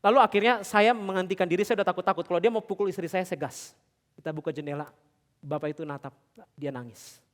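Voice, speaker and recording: Male pastor, middle-aged, sermon delivery; high register, roomy hall reverb, shifts between fervent and hushed. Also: quick pace. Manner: swings from loud, high preaching to quiet, confiding storytelling; addresses the congregation directly with questions. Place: large church hall. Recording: long church hall reverb.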